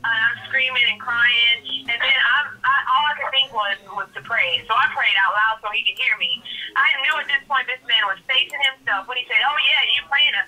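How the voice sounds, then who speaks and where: A woman's voice: on the high side, a little fast, bright, forceful tone, far from the mic. A woman telling her personal story in an interview, emotional and repeating herself, heard over a phone line. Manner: emotional, repeats herself, voices others in quotes. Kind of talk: testimony in an interview.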